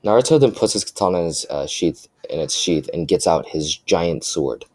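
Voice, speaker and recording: The young man's voice is deep and low, animated yet slightly mellow, as he invents a fan story aloud. Restarts and fillers make his telling halting. Audio is dry and close, with no reverb from the room.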